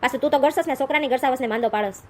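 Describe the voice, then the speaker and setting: A woman's voice: high voice, very fast, a little mellow, slight background noise, natural voice. A woman playing a scolding, lecturing village husband in a comedy skit.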